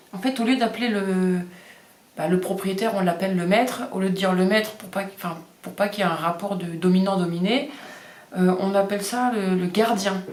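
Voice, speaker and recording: A woman doing a casual card reading, talking hesitantly with many fillers and repeating the card words. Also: mid-range voice. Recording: echoey room.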